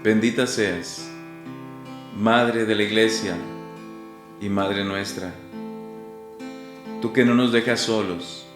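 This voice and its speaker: A man leading a slow, devotional prayer that drifts into half-singing. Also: on the low side, fairly even intonation. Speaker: prayer leader. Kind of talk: slow sung prayer over guitar. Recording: roomy with guitar music. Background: guitar music.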